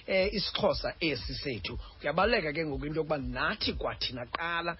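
A man's voice: a little high, fast talker, slight background noise. A man with a South African Xhosa accent, chatting as a radio presenter and repeating words for emphasis, on dull lo-fi audio. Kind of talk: unscripted radio discussion.

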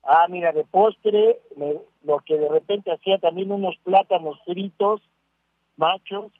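A man's voice: high voice, measured pace, no echo. A middle-aged man, calling in to a radio show over a phone line and joking with playful wordplay. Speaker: caller. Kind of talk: call-in chat on radio. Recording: tinny dry phone line.

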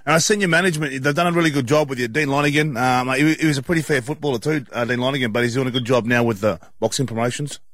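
A man's voice: medium pitch, racing, hardly any pauses, fairly bright tone, dry recording, studio quality. A man with an Australian accent co-hosting sports radio, rambling and matey. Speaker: radio co-host.

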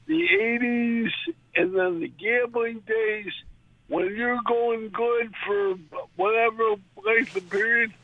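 An older man calling in to a radio show over the phone, talking in a rambling, halting way. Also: extremely high pitch, fairly even intonation, no echo. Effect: heard over the phone. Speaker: caller. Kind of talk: casual call-in chat. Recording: tinny phone line.

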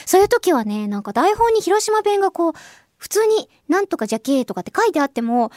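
A radio host and voice actress from Hiroshima, Japan, runs a solo radio show and reads listener mail, bright, cheerful and friendly. Her voice is very high-pitched and very animated, recorded studio-quality on a close studio microphone with no room sound. She's brisk in Japanese but slow and careful in English, which she speaks with a Japanese accent.

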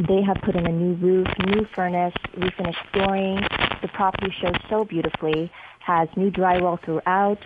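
Woman on a landline phone, tinny phone sound, static behind her, chatty and upbeat. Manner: chatty, upbeat storyteller and sales pitch. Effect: over a landline phone. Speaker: real estate agent calling in as a guest. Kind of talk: casual radio phone-in chat. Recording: tinny phone line with clear line noise.

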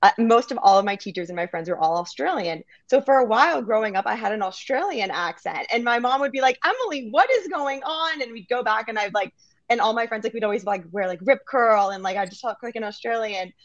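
A woman's voice: medium pitch, fast, no echo. An American woman co-hosting a casual interview, chatting in an easy, rambling way. She leans on "like" as she talks. Her audio is a little dull and lo-fi. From grew up overseas at international schools, American. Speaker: co-host.

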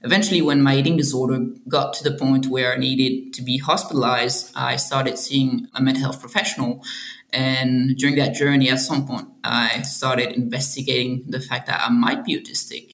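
A woman's voice: rumbling low, steady tone, moderate pace, reverberant. A young woman from Belgium, a doctoral candidate, telling her own story in an earnest, reflective interview. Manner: earnest, reflective, with some hesitant restarts. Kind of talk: personal testimony interview.

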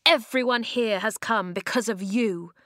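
A woman's voice: on the high side, a little slow, fairly bright tone, no echo, clean studio sound. A woman voicing an earnest, loyal young boy in a storybook reading, speaking eagerly.

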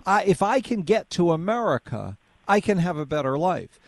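A man's voice: high voice, sing-song, normal speed, gravelly, no echo. Probing male talk radio host. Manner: probing, leads the caller with questions. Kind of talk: call-in talk radio debate.

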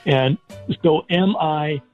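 An American man giving earnest, deliberate and emphatic answers as a radio interview guest, in formal wording. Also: fairly high pitch, soft background music. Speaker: interview guest, doctor and politician. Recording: tinny phone-like line.

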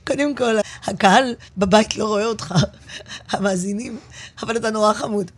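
A woman stand-up comedian talks as an interview guest in a radio studio. She tells stories in a lively, expressive way. Her voice sits at a medium pitch. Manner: animated, expressive storyteller. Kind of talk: casual interview chat.

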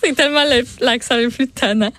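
A woman's voice: on the high side, a little fast, fairly bright tone, no echo. Teasing Quebec French woman on radio. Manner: teasing, short dry replies. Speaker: radio co-host. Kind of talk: casual radio banter.

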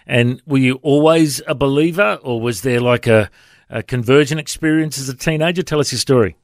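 A man's voice: medium pitch, a little fast, no room sound, clean studio sound. A man hosting a radio interview in a friendly, conversational way. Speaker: radio host.

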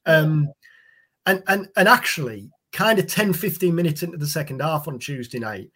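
Higher-pitched, husky male football pundit. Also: lively intonation, moderate pace, sharp tone. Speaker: sports podcast pundit. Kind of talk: casual football analysis.

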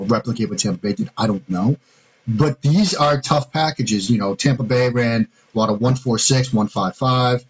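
A man co-hosting a football podcast, explaining defensive fronts and protection schemes in an easy, analytical way. His voice is husky and a little breathy, at a medium pitch. He talks it through like casual chat. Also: poor audio.

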